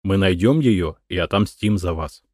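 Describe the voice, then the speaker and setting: A man voicing a calm young man who speaks gently and coaxingly, in an audiobook. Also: deep voice, normal speed, no room sound, studio quality.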